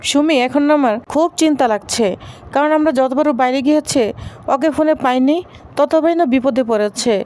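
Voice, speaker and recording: A woman reading a worried, irritable father's lines in her own high voice. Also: normal speed, darkish tone, lightly acted.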